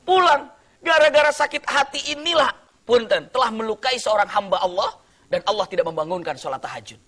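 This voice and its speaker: A middle-aged male preacher from Indonesia delivers a sermon as a dramatic story. His voice sits very high and rings bright and forceful. He swings between sudden loud cries and hushed, soft asides. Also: fairly quick.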